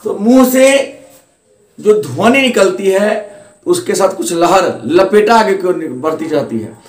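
A man's voice: high voice, animated, unhurried. A male teacher giving a grammar lesson, repeating key terms and asking questions he answers himself. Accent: Hindi, eastern. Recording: echoey room, mic at a distance.

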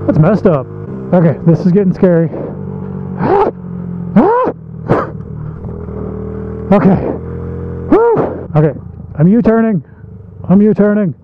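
A man giving excitable, joking commentary to his viewers while riding a small motorbike through town traffic, recorded outdoors on the road. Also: sits high, takes it slowly, long pauses. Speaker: motovlogger. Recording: dull muffled sound with loud road and wind noise. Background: traffic and engine noise.

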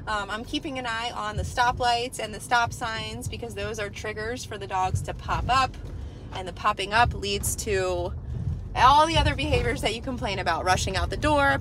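Calm upbeat woman dog trainer. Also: fairly high pitch. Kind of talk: casual instructional vlog. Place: inside a parked car, then outdoors on a street. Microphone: phone camera held at arm's length. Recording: noisy car and street ambience.

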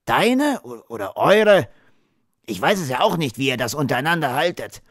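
A man's voice: mid-range voice, very animated, normal speed, a bit bright, no echo, clean studio sound, voice pushed up. A man voicing a worldly, teasing cowboy in an audiobook reading. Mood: wary. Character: adult cowboy, teasing and wary.

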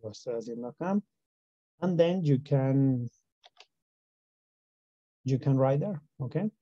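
Mellow-voiced teacher. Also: male voice, medium pitch, lively intonation, takes it slowly, no echo. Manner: mixes Spanish and English, frequent "¿no?" and "¿listo?" checks. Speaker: English teacher. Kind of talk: online class explanation. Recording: dull lo-fi sound.

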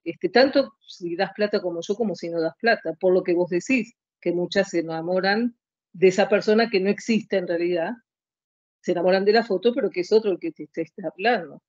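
A woman's voice: on the low side, fairly quick, a little mellow, dry recording. Woman, fifties, interview guest, emotional rambling account, dull dry sound. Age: 50s. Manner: rambling, heartfelt storytelling.

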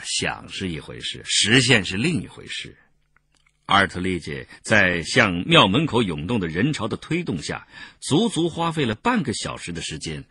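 A male audiobook narrator with a lively, expressive delivery that swings between loud and soft. His voice sits on the lower side, with a husky, bright edge. The sound is dry and close, with no room around it. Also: no room sound.

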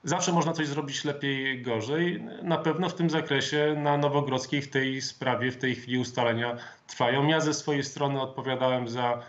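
A man in his thirties, a member of parliament, answering interview questions over a video call in a measured, formal way with some hesitant fillers. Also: mid-range voice, steady tone. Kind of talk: political interview. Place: home office with flag, indoors. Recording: dull lo-fi video call audio.

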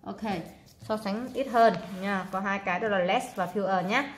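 A woman with a Vietnamese accent, an English teacher explaining exam answers in a relaxed way with many filler sounds. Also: mid-range voice, normal speed, a little hiss or hum.

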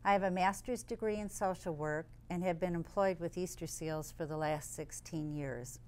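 A woman's voice: lowish voice, moderate pace, clean tone. A woman candidate giving a formal introduction at a forum, listing her credentials. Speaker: candidate, former mayor. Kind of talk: campaign forum statement.

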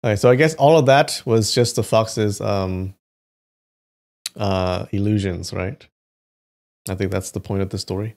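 A man reading old folktales aloud and breaking off for relaxed, joking asides to his viewers. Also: fairly low pitch, measured pace, pauses often. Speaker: YouTube history host.

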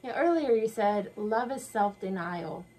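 A woman co-hosting a sermon discussion in a small wood-paneled room, speaking in a measured, thoughtful way. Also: medium pitch, lively intonation, dark tone, a little hiss or hum, poor audio. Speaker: co-host. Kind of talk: conversational sermon dialogue.

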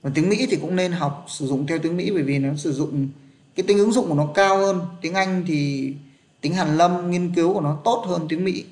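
A man's voice: a little high, moderate pace, a little mellow. A man, teaching an English pronunciation class online and patiently checking that his students are following.

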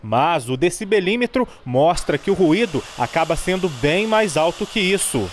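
A high-pitched male reporter delivers scripted news narration in a measured, informative tone. Loud city traffic noise runs behind his voice. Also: animated.

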